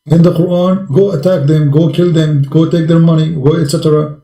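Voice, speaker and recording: A man's voice: a little high, fairly even intonation, fairly quick, dark tone, echoey room, rough recording. A man preaching to a caller with great passion. He fires off repeated rhetorical questions and speaks English with non-native grammar.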